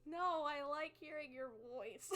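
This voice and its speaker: A woman's voice: high-pitched, measured pace, a bit bright. A young woman streamer chatting casually while gaming, playful and giggly.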